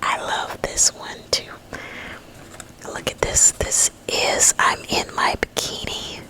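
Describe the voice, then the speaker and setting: Slow, breathy whispering woman, ASMR. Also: poor audio. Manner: slow, lingering, gentle rambling with drawn-out words. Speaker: ASMR host.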